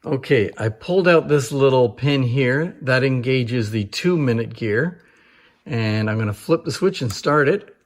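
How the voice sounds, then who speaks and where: Here a man with a mid-range voice speaks at a measured pace as he demonstrates antique phonographs. His manner is informal and explanatory, and the recording has a noticeable echo.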